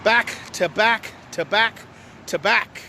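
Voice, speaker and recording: A man's voice: high voice, slow. A man, out of breath while walking outdoors and vlogging, talking in a blunt, combative way. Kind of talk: walking vlog. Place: outdoors at a park beside a long line of cars. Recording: faint street noise outdoors.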